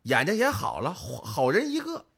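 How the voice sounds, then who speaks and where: A man, co-hosting a podcast and telling a folk tale in lively, casual speech, putting on the voices of the villagers. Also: a little high, moderate pace, vocal fry, breathy edge. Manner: lively storyteller, acts out village voices, northern colloquial. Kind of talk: casual storytelling chat.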